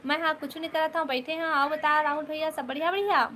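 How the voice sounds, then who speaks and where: A woman's voice: sits high, fairly even intonation, fast talker, bright, forceful tone, a little hiss or hum. A woman with a Chhattisgarhi accent chatting casually on a live stream, greeting viewers by name and coaxing them to stay. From Chhattisgarh, India.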